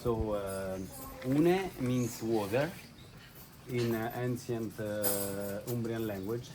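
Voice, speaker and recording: Low-voiced Italian man, halting, loud music. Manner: halting, with frequent hesitations and broken grammar. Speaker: restaurant owner. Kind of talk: casual guided explanation. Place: outdoors by an old mill and spring.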